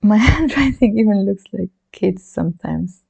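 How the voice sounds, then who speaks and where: In this lo-fi clip, a native Arabic-speaking teacher with a Lebanese accent demonstrates letter writing for her class while talking through each one. Her voice is soft, mellow, and mid-pitched, yet husky with some vocal fry, and her intonation is lively at a moderate pace. She keeps up an encouraging chat, counting out the strokes.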